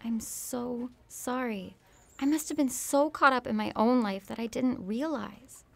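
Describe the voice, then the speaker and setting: A woman's voice: a little high, a little slow, gravelly, a bit bright, exaggerated voice. A woman playing a harried, polite working mother in an office puppet parody. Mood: friendly, weary.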